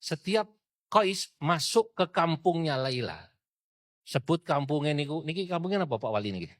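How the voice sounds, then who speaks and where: Animated high-voiced male preacher. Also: normal speed, no echo, studio quality. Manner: animated storytelling, acts out the characters' cries. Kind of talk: storytelling sermon.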